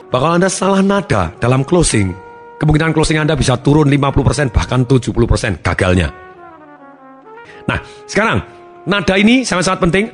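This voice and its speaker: A man giving a motivational talk, acting out examples of tone with big swings in pitch. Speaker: motivational speaker.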